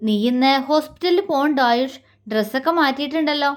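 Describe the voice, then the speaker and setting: A woman's voice: high-pitched, fast, natural voice. A woman voicing a teasing young man. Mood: plain. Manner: playful baby talk turning to scornful taunts. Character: teasing, mocking young man, a doctor and father.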